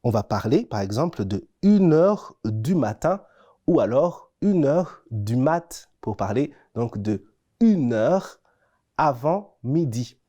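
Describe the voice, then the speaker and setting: A very animated presenter with a medium-pitched, dark voice speaks slowly through scripted teaching narration for an educational French-language TV segment. The explanations are didactic, with stress placed on key words.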